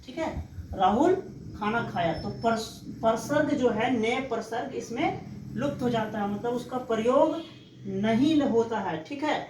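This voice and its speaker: Female teacher, slow patient lecture, slightly high voice, roomy distant mic; read as a lesson. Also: animated, background noise. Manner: slow, explanatory, often checks with "ठीक है". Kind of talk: exam-prep lecture. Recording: echoey room, mic far off.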